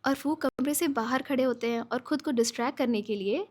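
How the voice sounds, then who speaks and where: A woman's voice: high-pitched, fairly quick. A woman retelling a drama's plot in a casual storytelling voice, lifting her voice for the characters' lines. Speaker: drama recap narrator.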